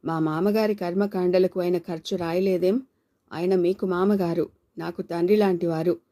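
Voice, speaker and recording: A woman reads a storybook's stern, blunt middle-aged man in her own low, mellow voice, acting him only lightly. He is firm and scolding, speaking plainly and meaning every word, at a moderate pace with fairly even intonation.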